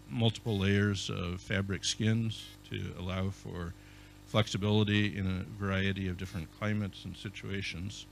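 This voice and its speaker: A man giving a conference keynote as an architecture professor, speaking in a measured way with many fillers and restarts. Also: low-pitched, gravelly, a little hiss or hum. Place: conference hall.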